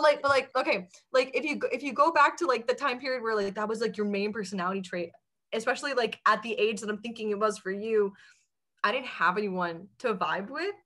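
Animated twenty-five-year-old woman. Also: on the high side. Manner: animated and self-mocking, quick asides. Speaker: podcast guest. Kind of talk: casual chat.

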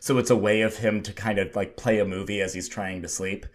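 A man's voice: on the low side, steady tone, brisk. Analytical man talking film. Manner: analytical, hands off to co-host by name. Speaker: podcast co-host. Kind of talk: casual film discussion.

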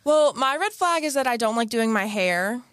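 A young adult woman with a slightly high voice, co-hosting a casual podcast chat. She tells clumsy self-mocking stories in an animated way. The sound is dry and close to the mic. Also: normal speed, clean tone, no room sound. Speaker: podcast co-host.

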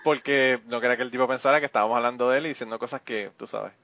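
A man, hosting a podcast in quick, laughing casual chat. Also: mid-range voice, steady tone, dry recording. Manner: fast-talking, laughs often. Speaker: podcast host. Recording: dull, slightly lo-fi audio.

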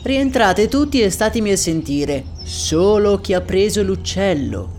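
A man's voice: high-pitched, big pitch swings, unhurried, darkish tone, heavily acted. A man voicing a flustered parish priest who keeps preaching in a theatrical, exasperated way over solemn music. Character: flustered middle-aged male parish priest. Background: solemn background music.

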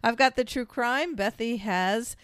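A woman's voice: fairly high pitch, a little slow, clear, resonant tone. A middle-aged American woman talking casually as the co-host of a podcast.

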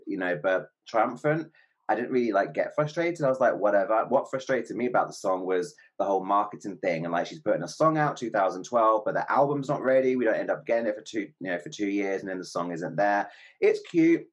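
A man co-hosting a casual music podcast, chatty and quick to laugh. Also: fairly low pitch. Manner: chatty, giggly, apologetic asides. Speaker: podcast co-host. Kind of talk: casual chat.

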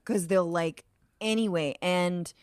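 A woman in her late thirties, a comedian, telling a story in a casual podcast interview, animated and full of "like", acting out quotes. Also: lowish voice, slow pace, smooth, dry recording, studio quality. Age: 30s. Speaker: comedian guest.

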